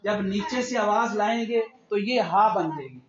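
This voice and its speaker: A man's voice: high voice, animated. Man drilling pronunciation in a roomy class. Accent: Pakistani Urdu. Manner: drills sounds slowly, repeating them for the class. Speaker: religious teacher. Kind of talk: tajweed pronunciation lesson. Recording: roomy, dull lo-fi, loud hiss.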